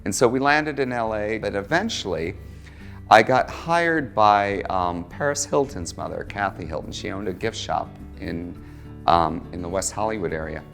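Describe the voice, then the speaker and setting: A man's voice: fairly low pitch, expressive, moderate pace, vocal fry, a bit bright, soft background music. A middle-aged man telling his story in a documentary interview, chatty, wry and self-mocking. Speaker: interviewee, holiday decorator.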